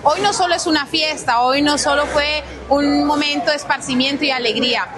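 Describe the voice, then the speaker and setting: A woman's voice: sits high, fairly quick. A woman giving an emphatic public speech at a community event. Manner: emphatic, repetitive public speaking. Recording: outdoor event with crowd noise. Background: loud crowd.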